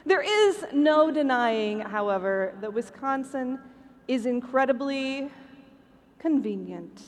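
A podcast host from Michigan performs playful, emphatic comic trivia from a script before a live convention crowd. She speaks slowly in a high-pitched voice with lively intonation, and the stage recording carries hall reverb and background noise.

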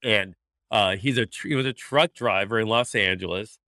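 Man, pastor, casual chat, bright voice, dry close sound. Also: lowish voice, moderate pace, no echo. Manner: easygoing, laughs often, frequent restarts. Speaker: pastor, co-host. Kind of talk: casual chat on faith topics.

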